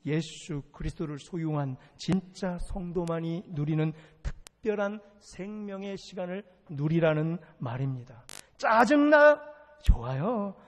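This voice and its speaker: A man's voice: a little high, measured pace, few pauses, mellow. A man preaching a sermon as pastor, emphatic and repetitive, firing rhetorical questions at his congregation. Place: church sanctuary. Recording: long reverb of a church sanctuary.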